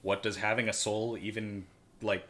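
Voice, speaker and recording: A man's voice: fairly low pitch, flat delivery, moderate pace, fairly bright tone. A man co-hosting a casual movie-review podcast, rambling and sarcastic with lots of fillers. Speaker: podcast co-host.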